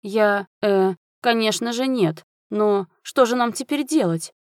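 A woman's voice: mid-range voice, normal speed, darkish tone, no room sound, clean studio sound, close to an everyday voice. A woman voicing a nervous, fawning older count who speaks hesitantly and stammers. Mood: flustered.

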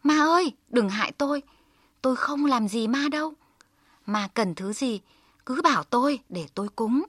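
A timid young man worn down by hard work, speaking in a pleading voice, as a woman storyteller plays him. The voice is slightly high and slow, with a dry, close sound. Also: animated, fairly bright tone, no room sound. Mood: frightened. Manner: pleading, fearful.

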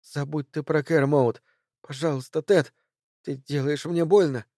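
A man's voice: fairly high pitch, fairly even intonation, a little slow, dark tone, no room sound, studio quality. A man voicing a frightened, injured young woman who pleads tearfully, in an audiobook. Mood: pleading.

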